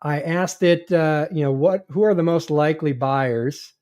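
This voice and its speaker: A man's voice: on the high side, unhurried, a little mellow, no echo, studio quality. A man hosting a live show, chatting casually and reading news items with frequent restarts. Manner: hesitant, restarts often, reads news items aloud. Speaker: podcast host. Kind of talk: casual live-stream chat.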